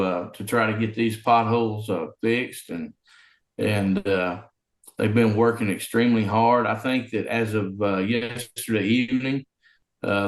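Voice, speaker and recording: A man who works as a city public works official, speaking in an interview over a remote conference call that keeps breaking up. He talks haltingly, with lots of fillers and restarts. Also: on the low side. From Arkansas. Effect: remote conference call audio that breaks up. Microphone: video call. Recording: roomy sound over a breaking-up call line.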